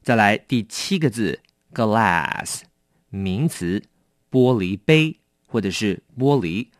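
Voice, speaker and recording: A man with a Taiwanese Mandarin accent teaching English vocabulary, explaining patiently and repeating each word slowly. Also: lowish voice, expressive, no room sound, clean studio sound. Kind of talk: vocabulary lesson.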